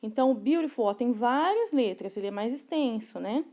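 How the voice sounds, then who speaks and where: A woman teaching grammar in a mellow, warm voice that sits a little high for her. She explains patiently, checks in with short tags and slows right down whenever she reads an example aloud. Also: expressive. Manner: slows down sharply to read English examples. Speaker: English teacher.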